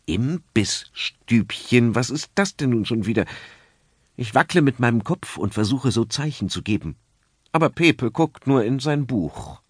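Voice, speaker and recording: A man narrating a children's audiobook in the first person, with expressive storytelling. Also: mid-range voice, measured pace, husky, no echo, clean studio sound.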